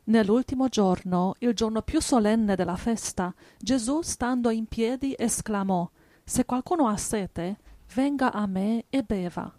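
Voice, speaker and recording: Steady woman reading scripture. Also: on the high side, unhurried, dry recording, clean studio sound. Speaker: scripture reader in a church service. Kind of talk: reading Bible passages aloud.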